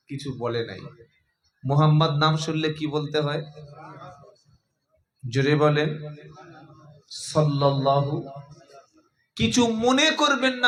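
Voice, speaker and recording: A man preaching a sermon to a crowd, lively and calling on listeners to answer back. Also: fairly high pitch, poor audio. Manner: lively, addressing the crowd and asking them to respond.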